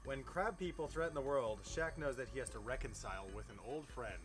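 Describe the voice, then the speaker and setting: A man reads a fan fiction story aloud in storybook style, his medium-pitched voice fairly quick, amused and incredulous as he breaks off to add his own comments. Music plays behind him, along with crowd noise.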